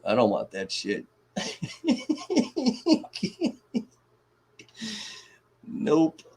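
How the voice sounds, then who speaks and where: A man's voice: a little high, wildly swooping pitch, extremely slow, a little mellow, breathy edge. A man from Kenosha, Wisconsin, hosting a live trial commentary stream and ranting in a profane, sarcastic way. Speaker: livestream host.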